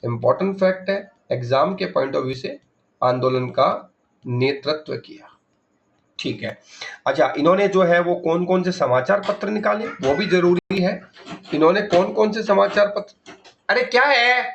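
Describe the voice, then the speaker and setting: A man's voice: high-pitched, a little slow, creaky, muffled recording, a little hiss or hum. A man teaching an exam revision lesson, asking questions and answering them himself, repeating key facts, mixing English words into his explanation. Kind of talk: MCQ revision lecture.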